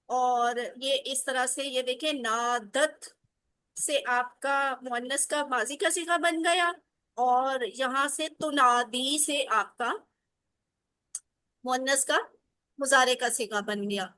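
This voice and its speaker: A woman's voice: high voice, bright, forceful tone. A woman teaching an online grammar class, patiently drilling word forms and asking students questions.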